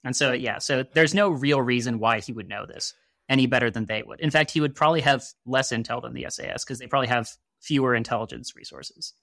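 Male podcast co-host, mid-pitched, casual and wry, meandering delivery, dry close sound. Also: fast talker, fairly bright tone, no room sound. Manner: rambling, heavy on "you know" and "like"; wry, sarcastic asides. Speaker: podcast co-host discussing a video game.

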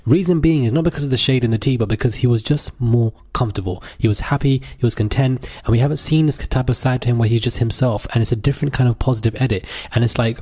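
Fast-talking man spilling gossip. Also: mid-range voice. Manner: animated, dramatic, sassy asides. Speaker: podcast host. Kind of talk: casual gossip commentary.

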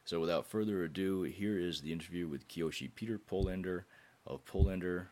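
A man with a cold and sore throat, sounding hoarse and gritty as he narrates a podcast introduction as host. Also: sits low, a little fast, darkish tone.

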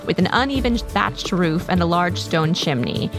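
A woman's voice: on the low side, lively intonation, normal speed, music in the background. A woman narrating a tabletop game as game master.

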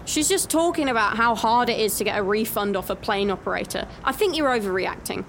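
A woman's voice: mid-range voice, animated, brisk, creaky, fairly bright tone. A woman playing an airy, deluded would-be glamorous traveller in a comedy sketch. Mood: breezy, airy. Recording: noisy airport ambience. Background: airport ambience.

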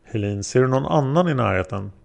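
A man's voice: medium pitch, lively intonation, vocal fry. A man voicing a male prosecutor who questions a witness step by step, in a methodical way. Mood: probing.

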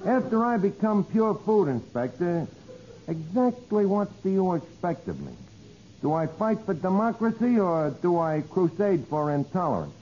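A man's voice: sits high, big pitch swings, moderate pace, mellow. A male actor playing a dim but scheming, wisecracking tavern man in old radio comedy, with a New York accent and mock-earnest, ungrammatical talk. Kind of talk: 1940s-50s radio comedy acting. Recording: muffled, hissy old radio recording.

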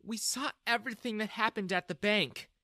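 A man voicing a sympathetic middle-aged mother who speaks gently and apologetically. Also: high voice, animated, moderate pace, no echo, clean studio sound, voice pushed up, exaggerated voice. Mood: gentle.

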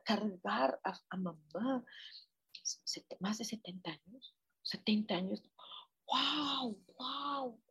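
Slow husky Mexican woman guiding reflection. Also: on the high side. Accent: Mexican Spanish. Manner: gently questioning, with frequent exclamations. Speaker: spiritual guide answering listener messages. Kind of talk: live reflective chat.

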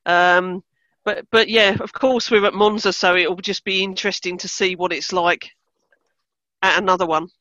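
Bright-voiced woman with an Essex accent. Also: fairly low pitch, steady tone, moderate pace, no room sound, dull audio. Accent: Essex English. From Essex, England. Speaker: podcast co-host and Formula One fan. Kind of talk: casual podcast chat.

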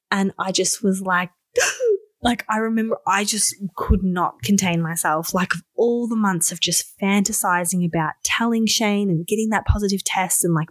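A young adult woman, telling her own story as a podcast guest in casual chat, acting out quotes with sudden high squeals. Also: no room sound.

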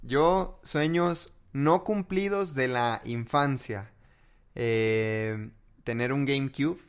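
A man's voice: medium pitch, slow, clean tone. A young man with a Mexican accent in casual conversation, telling personal anecdotes in a candid way.

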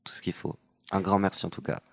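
A man guesting on a podcast as a street artist, talking in a relaxed, loose, rambling way. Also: sits low, fast talker, no echo, in a whisper, clean studio sound. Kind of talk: casual podcast chat.

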